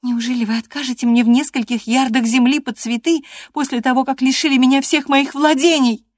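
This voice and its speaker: Woman reading as a bold stubborn young girl, high voice, yelling, audiobook, dry. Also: fairly even intonation, a little fast, no echo. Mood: defiant. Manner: high, loud, shouting.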